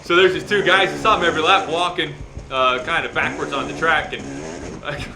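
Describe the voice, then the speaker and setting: Male motovlogger, chatty and self-deprecating race commentary, fry in the voice, recorded roomy with clear vehicle noise. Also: on the high side, fairly even intonation, brisk. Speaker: motovlogger and amateur dirt bike racer. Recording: roomy echo, loud engine and ambient noise.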